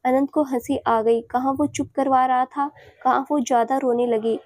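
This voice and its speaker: A woman narrating a romantic audio story in a steady, even storytelling manner. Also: high voice, normal speed, dry recording.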